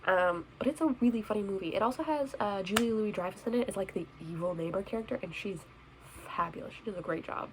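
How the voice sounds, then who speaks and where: Sitting indoors before a Christmas tree, a young female vlogger chats casually while reviewing movies, bubbly and poking fun at herself. She talks fast in a mid-range voice over a noisy background.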